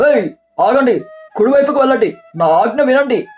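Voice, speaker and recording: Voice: mid-range voice, quick pace, a little mellow, faint music behind, close to an everyday voice. A voice performer playing a boastful young city son-in-law in a storybook tale, bragging and bossy.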